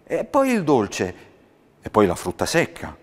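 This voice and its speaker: A man voicing a humble, thrifty shoemaker's wife in a storybook reading, raising his voice into a mild, soft-spoken tone. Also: mid-range voice, huge pitch swings, a little slow, long reverb tail.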